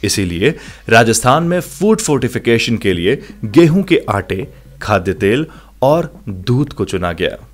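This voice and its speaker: A man reading scripted documentary narration in a measured, formal manner. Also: mid-range voice, sing-song.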